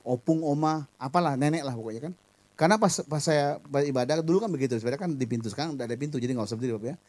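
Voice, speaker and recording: Middle-aged male pastor, animated and humorous in the pulpit, voice pitched somewhat high. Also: rapid-fire. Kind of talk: sermon.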